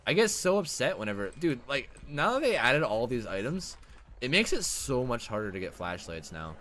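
Profane, animated young man streaming. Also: moderate pace. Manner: excitable and profane, swings between loud outbursts and low mutters. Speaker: streamer playing a survival horror game. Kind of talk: live-stream gameplay commentary.

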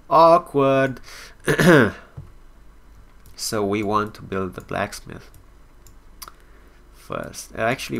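Low gravelly man rambling through gameplay. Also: a bit bright. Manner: thinks aloud, swears freely, laughs at himself. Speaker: let's play host. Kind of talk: casual gameplay commentary.

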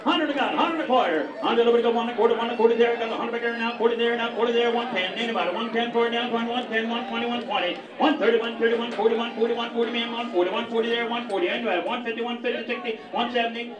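A man auctioneering at a cake auction, rattling off bids in a rapid rhythmic chant. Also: very high voice, fairly even intonation. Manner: rapid rhythmic bid calling. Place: large community hall with crowd. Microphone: handheld mic, heard from far. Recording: roomy distant lo-fi hall recording with crowd.

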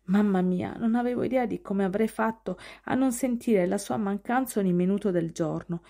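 Woman, audiobook narrator, first-person storytelling, expressive, warm mellow tone. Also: medium pitch, moderate pace.

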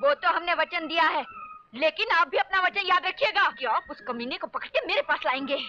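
An actress playing a fiery, defiant young nomad woman who shouts and refuses to give in. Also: extremely high pitch, expressive, a little fast, a little hiss or hum, heavily acted. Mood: stubborn. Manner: shouting, stubborn. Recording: dull film soundtrack with music.

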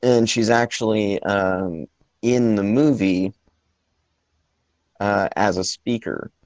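A man's voice: lowish voice, takes it slowly, a little mellow, no echo. A man co-hosting a casual movie podcast, talking in a hesitant way with lots of ums and restarts. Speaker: podcast co-host.

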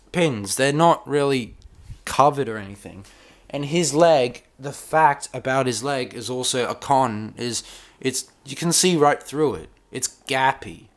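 Man, slow toy review, rambling, restarts, dim room, camera on his hands. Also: medium pitch. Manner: rambling, halting, with many restarts and fillers.

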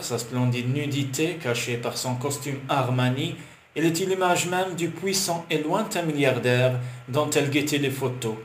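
A man narrating a romance audiobook in an even, measured storytelling manner. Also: mid-range voice. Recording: roomy with faint hiss.

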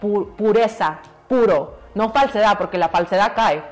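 Woman, pastor's daughter guest; earnest preachy testimony, repeats for emphasis, soft music faintly underneath. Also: medium pitch, normal speed. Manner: mixes in English words. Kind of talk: emotional testimony in a church interview.

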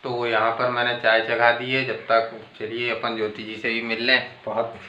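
Bright-voiced man vlogging in echoey kitchen. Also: medium pitch, completely flat delivery, normal speed, lo-fi sound, slight background noise. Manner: chatty, addresses viewers as friends. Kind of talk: casual home vlog. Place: home kitchen.

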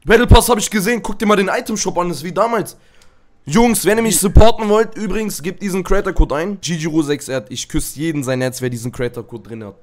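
A young man chatting excitedly while playing a video game, often shouting and using youth slang. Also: high voice, quick pace. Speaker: gaming YouTuber. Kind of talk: excited gaming chat.

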